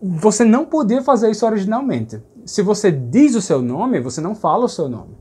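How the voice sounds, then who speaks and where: Husky-voiced Brazilian man teaching. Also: high voice, very animated, mellow. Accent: Brazilian Portuguese. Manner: explains patiently, slows down to say example phrases. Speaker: language teacher. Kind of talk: explanatory video lesson.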